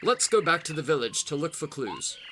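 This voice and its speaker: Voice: medium pitch, sing-song, fairly quick, a bit bright, a little hiss or hum. Someone doing a pompous English turtle explorer. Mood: determined. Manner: theatrical, pompous, upper-crust. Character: eccentric English male turtle explorer, gung-ho.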